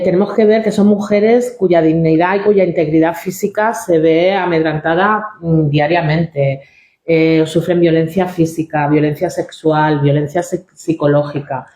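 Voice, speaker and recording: A woman's voice: sits low, dark tone. A woman giving a spoken presentation for an organization, full of "eh" fillers and "¿no?" tags. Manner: frequent "eh" fillers and tag "¿no?". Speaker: NGO spokesperson presenting annual data. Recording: echoey room.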